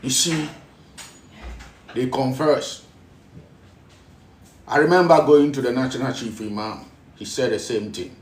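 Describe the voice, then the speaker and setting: A man's voice: medium pitch, fairly even intonation, a little slow, long pauses, a little hiss or hum. A man with a Ghanaian accent giving a spiritual teaching talk, preaching in a repetitive way as he switches between Twi and English. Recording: roomy echo, voice from a distance.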